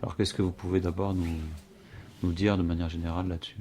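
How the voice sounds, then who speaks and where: A man asking an interview question, halting with fillers as he frames it. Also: low-pitched, little pitch movement, warm tone.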